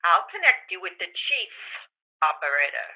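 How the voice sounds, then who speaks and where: A woman playing a polite, unhelpful telephone operator in a 1940s-style radio drama, formal, measured and officious, through a telephone filter. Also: lowish voice, sing-song, phone-quality sound. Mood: polite, flat. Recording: thin telephone-filtered sound.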